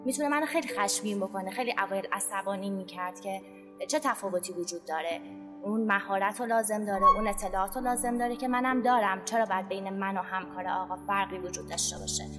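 A woman reflecting calmly on her own experience in a round-table podcast, pausing with fillers. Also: medium pitch, long reverb tail, music in the background. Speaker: podcast guest.

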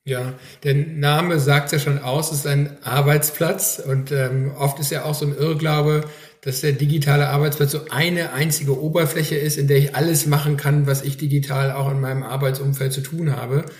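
A man speaks with a fairly high, steady voice that barely rises or falls. He explains things in a measured way with many hesitant fillers. His voice comes from a roomy, echoey recording. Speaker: expert jury member. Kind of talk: podcast panel discussion.

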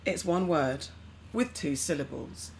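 Low-voiced playful woman quizmaster. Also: lively intonation, a little slow, gravelly, a little hiss or hum. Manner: bossy, teasing quizmaster. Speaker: podcast co-host running a quiz. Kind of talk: playful casual chat.

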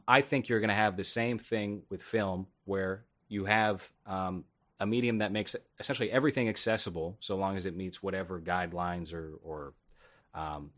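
A man talking in a rambling, opinionated way in a casual podcast chat. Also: low-pitched.

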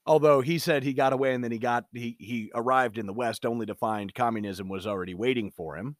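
A man's voice: medium pitch, fast, no echo, studio quality. A man delivering an emphatic, opinionated commentary monologue.

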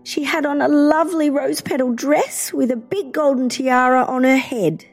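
A woman voicing an emotional little girl of nearly eight, high and exclaiming. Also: fairly even intonation, normal speed, soft background music. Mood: excited.

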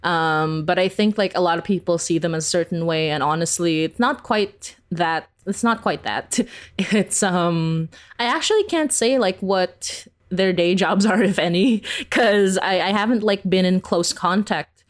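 An interview guest from the Philippines, who makes podcasts herself, speaks unhurriedly in a fairly low voice. Casual and animated, she giggles through her stories and says "like" constantly.

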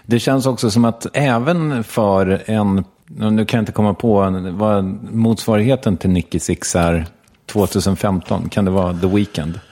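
A man's voice: on the low side, fairly even intonation, a little mellow. A man interviewing a guest in casual chat, prompting with short questions.

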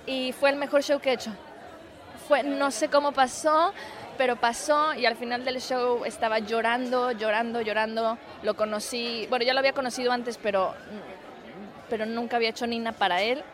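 A woman tells her story in a lively, animated way, stopping and restarting as she goes. Her voice sits a little high. Faint crowd murmur drifts in behind her outdoors. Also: normal speed. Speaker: musical theater actress, guest. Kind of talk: casual interview chat. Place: outdoors in a city.

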